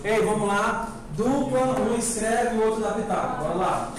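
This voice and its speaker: A man's voice: high-pitched, normal speed, a crowd in the background. A man teaching a programming class in a classroom, talking informally and checking in with the class often. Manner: informal, asks the class constant check questions. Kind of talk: classroom lecture. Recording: roomy classroom recording with faint noise.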